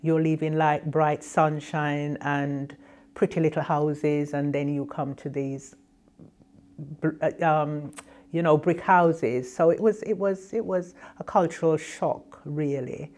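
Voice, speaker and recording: A woman's voice: deep voice, fairly even intonation, takes it slowly, a little mellow. An older woman born in Jamaica, recalling first impressions in a vivid, reflective way in a documentary interview.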